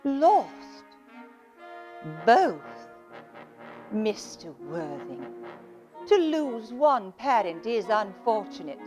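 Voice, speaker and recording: A woman performing an imperious, pompous aristocratic lady who interrogates deliberately in a comic stage play. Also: a little high. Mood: disapproving.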